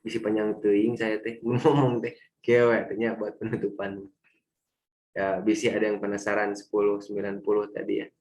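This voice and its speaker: A man's voice: lowish voice, little pitch movement, moderate pace, a little mellow. Casual man. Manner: casual, mixes in English and Sundanese phrases, acts out quotes. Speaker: speaker at a religious study session. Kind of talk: casual storytelling talk. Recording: roomy echo.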